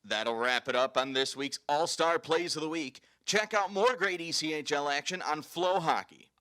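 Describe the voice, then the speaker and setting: Bright, forceful male sports highlight host. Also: normal speed. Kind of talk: scripted sports highlight narration.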